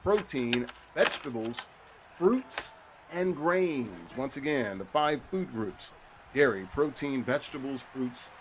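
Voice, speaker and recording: A middle-aged man calls play-by-play for a football video game tournament, and his voice leaps with excitement on the big plays. His pitch sits in the middle and he takes his time. Faint background noise runs under the recording.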